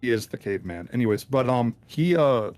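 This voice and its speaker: Interviewed on a casual call-in show, a man posing as a hacker talks through a voice changer that makes him sound deep and pitch-shifted. He explains things haltingly and in a rambling way, full of ums and restarts, yet his intonation is lively, his pace brisk, and his tone darkish.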